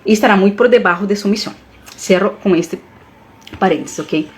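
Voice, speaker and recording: On a live stream, a woman talks at a slightly quick clip, switching between Portuguese and Spanish. Her middle-pitched voice carries an animated, earnest delivery, and at times her own words move her emotionally.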